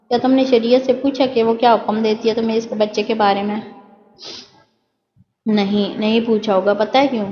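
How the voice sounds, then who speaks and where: A woman's voice: mid-range voice, natural voice. Earnest young man read by a woman, impassioned, dull echoey sound. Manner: impassioned pleading.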